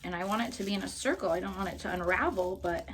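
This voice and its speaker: A woman's voice: medium pitch, fast talker, a little hiss or hum. A woman in her late twenties, chatting casually and playfully, rambling while she makes crafts. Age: late 20s. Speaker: craft vlogger.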